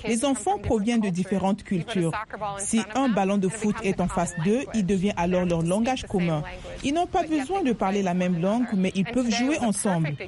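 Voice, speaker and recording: A woman reading a translated voice-over of an interview in an even, clear way. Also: mid-range voice, normal speed. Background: crowd noise.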